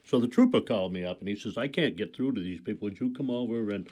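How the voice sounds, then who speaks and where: A man's voice: fairly low pitch, quick pace, warm tone. A man with a Maine accent, a former game warden, telling folksy stories as a radio guest and laughing at his own tales. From Maine, USA. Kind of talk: storytelling on a radio talk show.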